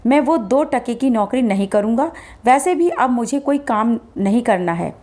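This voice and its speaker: A woman's voice: a little high, expressive, normal speed, warm tone. A woman voicing an angry young husband who speaks curtly and with scorn. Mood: scornful. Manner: curt, scornful.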